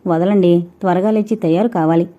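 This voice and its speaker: A woman voicing a gentle, soft-spoken young wife caught between mother and husband, on a dull lo-fi recording. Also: on the low side, fairly even intonation, normal speed, lightly acted.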